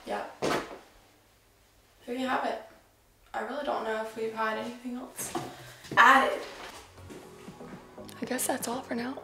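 A woman's voice: on the high side, little pitch movement, unhurried, long pauses, pushed and bright, soft background music. A woman in her twenties giving an upbeat, chatty tour of her house renovation on a handheld camera. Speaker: vlogger. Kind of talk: casual home-renovation vlog. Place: empty rooms in a house under renovation. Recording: echoey bare rooms, faint noise.

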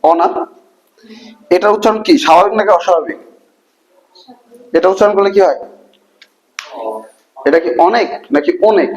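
A man teaching a grammar lesson to a class, asking many quick questions in a casual, colloquial way. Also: sits high, rough recording.

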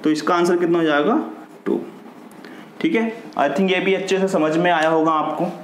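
A man's voice: sits high, steady tone, moderate pace. A man with a Hindi accent teaching a maths lesson, explaining step by step and asking and answering his own questions. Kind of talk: classroom lesson. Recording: echoey room with faint noise.

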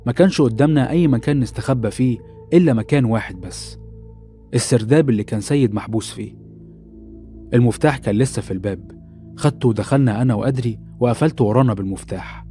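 Fast-talking Egyptian horror storyteller. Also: male voice, mid-range voice, dark tone, soft background music. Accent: Egyptian Arabic. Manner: dramatic first-person telling. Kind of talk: scripted horror narration.

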